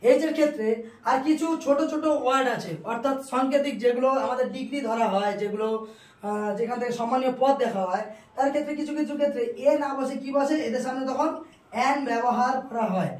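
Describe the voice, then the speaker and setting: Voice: sits high, fast talker, darkish tone. An English grammar teacher giving a classroom-style lesson, asking questions aloud and answering them, repeating each rule to drill it in. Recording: roomy echo, distant mic.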